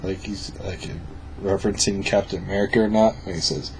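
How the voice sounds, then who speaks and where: A man's voice: low-pitched, fairly even intonation, fairly quick, slight background noise, poor audio. A drunk man chatting casually as he reviews a film, swearing freely. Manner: profane.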